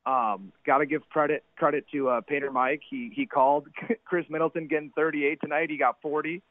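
A man with a hoarse, worn-out voice from cheering, gushing casually as a fan calling a sports radio show. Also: fairly high pitch, fairly even intonation, brisk, no echo. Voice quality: hoarse, strained voice after shouting at the game. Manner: effusive, gushing. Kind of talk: excited casual fan chat. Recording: narrow-band phone call.

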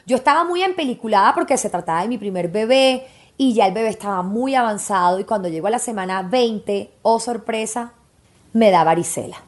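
A woman's voice: mid-range voice, a little fast. Candid woman telling her own story. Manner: candid and emotional, lively storytelling. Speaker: podcast host. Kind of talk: personal storytelling.

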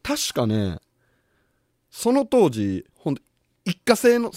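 A man's voice: high-pitched, wildly swooping pitch, slow, darkish tone, no room sound, clean studio sound. A man with a co-hosting a radio show, chatting casually and eagerly explaining and correcting. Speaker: radio co-host. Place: radio studio.

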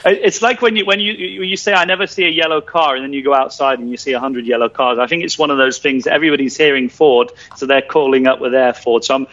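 A man's voice: mid-range voice, fast talker, few pauses, a bit bright, muffled recording. Male radio car-pricing regular; casual, jokey, restarts often. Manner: chatty, hesitant restarts, jokey. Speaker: car expert on a radio show.

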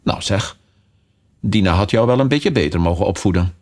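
A man's voice: deep voice, expressive, moderate pace, a little mellow. A man reading a storybook, voicing the young girl Alice as she chatters and scolds her kitten in a motherly way. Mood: playfully scolding. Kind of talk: storybook character voice.

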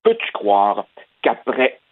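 A man in his fifties phones in as a guest to give political commentary, emphatic and repetitive, repeating words and addressing the host by name. His voice is lowish and sing-song at a slow pace, and the dry recording comes through a tinny phone line.

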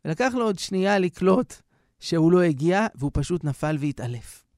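Animated storytelling rabbi, dry studio sound. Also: male voice, sits high, dry recording. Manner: animated storyteller, acts out scenes. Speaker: rabbi and storyteller on a radio show. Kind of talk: radio storytelling.

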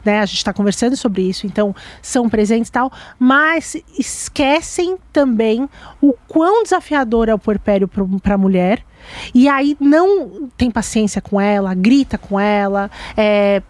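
A woman hosts in a fairly high voice, recorded close and dry. She speaks in a measured, thoughtful way and gently steers the conversation. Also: lively intonation, no room sound. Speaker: host. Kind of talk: hosting a chat show.

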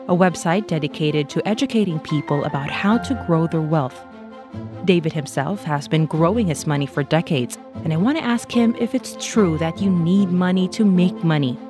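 A woman with a fairly low voice hosts a podcast, introducing her guest and putting questions to him. Music plays clearly behind her. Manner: brief encouraging acknowledgments. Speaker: podcast host. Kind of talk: scripted introduction and interview.

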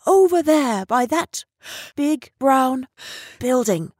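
A woman voicing an elderly woman in a care home who urgently pleads, breathless and half in a hushed whisper. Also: mid-range voice, steady tone, slow, breathy edge, no room sound, clean studio sound, heavily acted. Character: urgent elderly female care-home resident, wild-eyed.

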